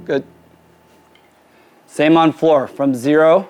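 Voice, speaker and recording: Speaking slowly with a steady, darkish tone, a fairly high-voiced music producer gives an informal, directive mixing demonstration to his crew. He works in a recording studio fitted with a drum kit and PA.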